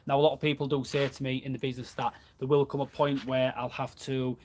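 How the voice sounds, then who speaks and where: A man's voice: medium pitch, level tone, quick pace, darkish tone, slight background noise. A man, chatting casually about running his plumbing business in a live question and answer from his van. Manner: chatty and plain-spoken, reads out viewer comments. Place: inside a van.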